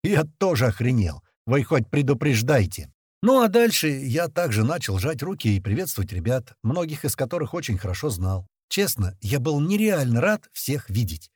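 A man narrating a first-person audiobook in a coarse, slangy, expressive way. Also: medium pitch, normal speed, few pauses, slightly rough, dry recording, studio quality.

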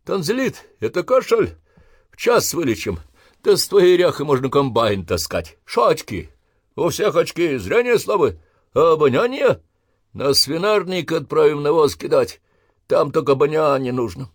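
A man's voice: fairly high pitch, sing-song, normal speed, dry recording, clean studio sound, voice pushed up. A man voicing coarse, jeering army sergeants with a Ukrainian-tinged Russian accent, taunting recruits sarcastically. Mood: mocking.

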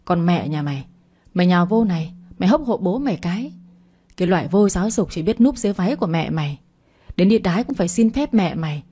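A woman's voice: lowish voice, animated, quick pace, slightly rough. A woman voicing a furious cursing old father. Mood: taunting. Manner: cursing, shouting insults.

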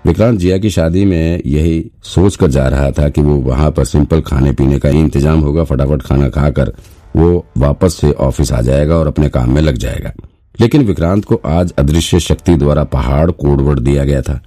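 A man narrating an audiobook in a steady storytelling manner and acting out the characters' lines. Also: extremely low pitch, moderate pace.

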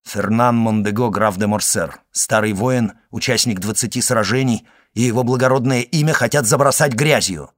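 A man's voice: mid-range voice, normal speed, hardly any pauses, lightly acted. A man reading the part of a proud young nobleman in an audiobook, speaking firmly and insistently. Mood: indignant. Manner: firm, clipped, demanding.

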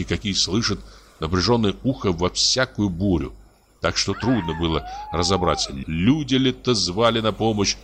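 Expressive male storybook narrator. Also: on the low side, slight background noise. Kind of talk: audiobook narration of a classic story.

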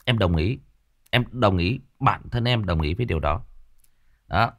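Northern Vietnamese male narrator, unscripted rebuttal, animated pitch, stumbling restarts. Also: moderate pace. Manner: defensive, repetitive, with many fillers and restarts. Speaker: audiobook narrator answering a listener. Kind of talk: unscripted direct address to a commenter.

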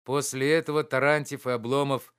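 A man's voice: medium pitch, little pitch movement, fairly bright tone, clean tone. A man reading a classic novel aloud as an audiobook narrator. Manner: measured narration.

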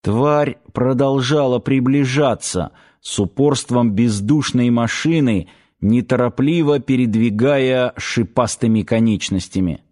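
A man narrating an action audiobook in a measured, vivid storytelling manner. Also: mid-range voice, darkish tone.

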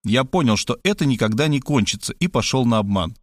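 A man reading a first-person audiobook with a wry, expressive delivery. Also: medium pitch, fairly quick, no room sound, clean studio sound. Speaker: audiobook narrator.

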